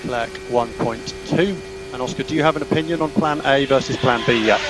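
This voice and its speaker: A man speaks as a racing engineer over team radio, his messages short and clipped, often said twice. His mid-pitched voice sits in clear car noise, with engine roar behind it. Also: a little fast. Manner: terse, repeats instructions. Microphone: radio headset.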